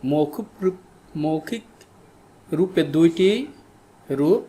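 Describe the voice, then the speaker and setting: A man from Bangladesh teaching a grammar lesson, repeating key terms slowly for his students. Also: fairly high pitch, mellow. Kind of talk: recorded classroom lesson.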